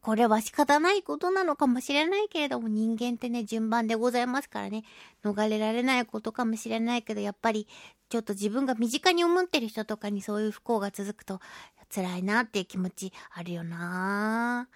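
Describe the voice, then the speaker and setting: Her voice is on the high side and a little fast, recorded in studio quality with no echo. She is a radio host and voice actress, playfully and expressively chatting with listeners on a casual talk show while reading their mail.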